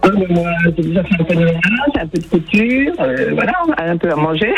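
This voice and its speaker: Lady calling in on speakerphone, far off phone sound, quick short answers. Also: fairly low pitch, highs cut off, music in the background. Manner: brief, quick replies. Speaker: radio game caller.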